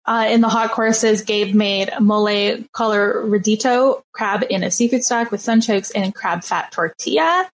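A woman hosting a casual podcast chat, reading out dishes and giving quick, relaxed opinions. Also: mid-range voice. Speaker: podcast host.

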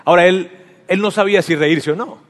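A man's voice: sits high, brisk. A man preaching a sermon and telling his own story, speaking to the listener intimately as though in conversation. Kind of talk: sermon with personal testimony. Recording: long reverb of a large hall.

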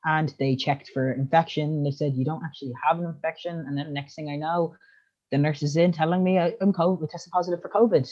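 A man's voice: fairly high pitch, fairly even intonation, quick pace, darkish tone. A young man telling a personal story in casual chat, rambling with lots of fillers. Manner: rambling, filler-heavy, emotional retelling. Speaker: guest. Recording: dull lo-fi sound.

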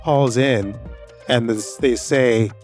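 A podcast host tells a personal story in a loose, rambling, conversational way, circling back and repeating himself. His mid-range voice is slow and somewhat dark, with fairly even intonation, over soft background music.

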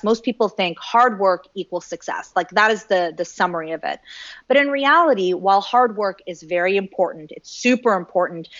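A woman's voice: mid-range voice, no room sound, muffled recording. A woman from Canada giving an interview, talking casually and animatedly, with lots of "like". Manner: animated, uses "like" often. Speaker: guest.

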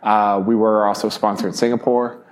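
A man with a fairly low voice chats casually as a podcast guest. He rambles a little, with halting phrases and loose asides. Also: little pitch movement. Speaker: podcast co-host and sponsor guest. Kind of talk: casual interview chat.

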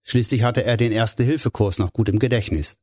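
A man narrating a novel in a measured storytelling way. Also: medium pitch, a little mellow, no room sound, clean studio sound. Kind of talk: audiobook narration.

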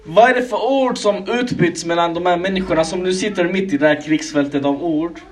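A man with a high-pitched voice delivers a sermon. He keeps firing rhetorical questions at the congregation and calls them his brothers and sisters. He clears his throat now and then between points. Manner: asks listeners many rhetorical questions; addresses listeners as brothers and sisters. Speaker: preacher.

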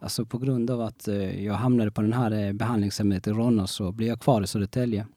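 A young man telling his own story in a casual interview, halting often and restarting with many fillers. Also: on the low side, fairly even intonation, dark tone, no room sound, studio quality.

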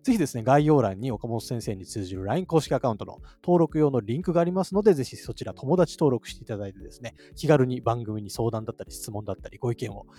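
Very fast, mellow male podcast host. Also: mid-range voice, lively intonation. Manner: attentive, frequent backchannels. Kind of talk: casual-polite podcast hosting. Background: faint music.

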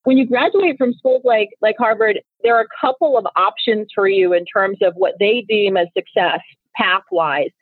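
A Nigerian woman in her thirties, an Igbo first-language speaker and company founder, answers interview questions as a guest, earnest and reflective, often restarting her sentences. Her mid-range voice moves at a normal speed. The recording is dry, with a tinny phone-line sound.

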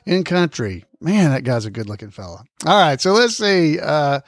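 A man's voice: on the high side, expressive, moderate pace, dry recording, studio quality. A man hosting a podcast, chatting casually in a joking, playful way. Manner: joking, playful self-praise. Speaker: podcast host.

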